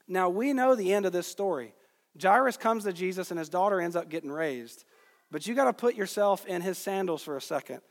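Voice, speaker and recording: In a large hall with lingering reverb, a high-pitched man from Georgia in the US preaches to his congregation. His expository teaching puts deliberate weight on key words.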